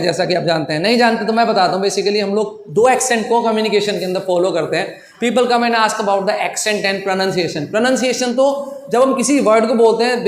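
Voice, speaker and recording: A man's voice: sits high, a little hiss or hum. A man with an Indian English accent giving a friendly online English lesson, repeating and spelling words out for his learners. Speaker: English teacher. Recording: echoey room with long reverb.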